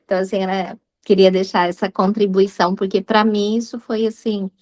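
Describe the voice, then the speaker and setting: A woman's voice: mid-range voice, level tone, a little fast, darkish tone. A Brazilian woman sharing a personal testimony in a chatty storytelling way. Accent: Brazilian Portuguese. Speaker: participant.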